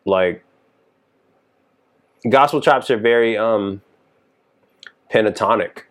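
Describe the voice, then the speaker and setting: Speaking slowly in a lowish voice, this man in his thirties, a working keyboard musician who tours and hails from Dallas, Texas, rambles easily through a podcast chat. Fillers like "you know" crop up constantly.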